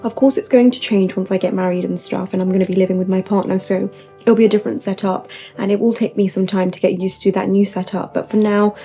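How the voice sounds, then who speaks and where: A woman's voice: mid-range voice, mellow. A young woman giving upbeat, tidy self-help advice to camera, point by point, with gushing emphasis and repetition.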